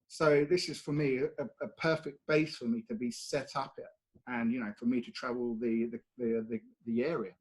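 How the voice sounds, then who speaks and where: In a rough recording, a man from the UK speaks at a moderate pace with a steady, medium-pitched voice. He's a brand ambassador being interviewed, chatting casually and frequently saying "you know."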